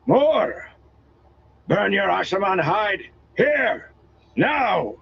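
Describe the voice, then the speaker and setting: A man voicing a gruff middle-aged lord commander who shouts orders to rally his troops. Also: high-pitched, very animated, drawn-out words, dull audio, voice pushed up, full character voice.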